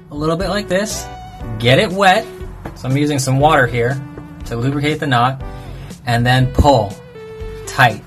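A man in his thirties giving a brisk, upbeat step-by-step tutorial on fishing knots, recorded on a phone at a kitchen sink. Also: a little high, a bit bright. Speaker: fishing knot instructor.

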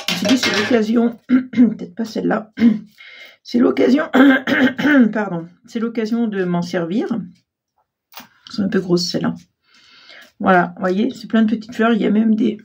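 A woman hosting a casual crafting tutorial, chatty and self-deprecating, full of fillers and clearing her throat often. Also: a little high, a little mellow, dull audio. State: frequent throat clearing, frog in throat. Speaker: crafting channel host.

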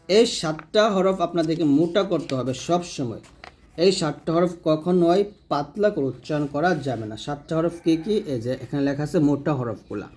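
Male teacher, fairly high voice, patient step-by-step pronunciation lesson, models each sound aloud. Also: a little mellow. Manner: explains slowly, models each letter sound, repeats it. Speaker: Quran recitation teacher.

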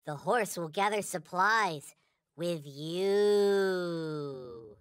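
Little toy Alien, slow and solemn. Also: male voice, high-pitched, a bit bright, smooth, dry recording, studio quality, heavily acted. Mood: solemn, earnest. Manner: formal, stilted, solemn phrasing with inverted word order. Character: small, polite, earnest three-eyed toy alien. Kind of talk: video game character lines.

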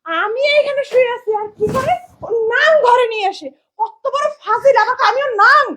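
A woman acting a scolding older sister in a skit, loud and shrill as she tells someone off. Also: moderate pace. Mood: mocking.

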